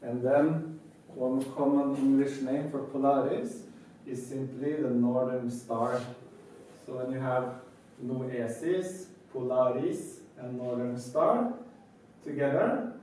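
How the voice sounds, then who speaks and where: A man in his thirties from Norway, giving a prepared talk to a live audience in a calm, methodical way with pauses. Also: mid-range voice, a little hiss or hum. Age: 30s. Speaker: speaker presenting his company. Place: meeting room with a live audience. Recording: echoey room, mic at a distance.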